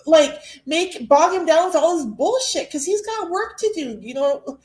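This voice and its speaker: Casting note: high-pitched woman, rambling chatty co-host, echoey room. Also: animated, normal speed, darkish tone. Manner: rambling, filler-heavy. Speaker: podcast co-host. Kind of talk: casual chat. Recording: roomy echo.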